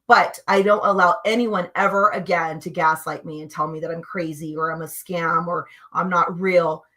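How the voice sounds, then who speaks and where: A woman with a bright, forward voice tells personal stories to a host. Her delivery is animated and emphatic, dropping low and quiet, then jumping up loud. It sounds like a casual, conversational podcast. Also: normal speed. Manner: animated, emphatic, swings between hushed and loud. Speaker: guest sharing spiritual experiences. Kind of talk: conversational storytelling.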